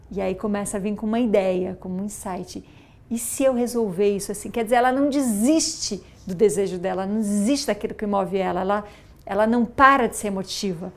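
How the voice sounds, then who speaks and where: A middle-aged mother with a Brazilian accent, telling a story and reflecting in a thoughtful, halting way with many fillers and restarts. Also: mid-range voice, vocal fry. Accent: Brazilian Portuguese. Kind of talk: reflective interview talk.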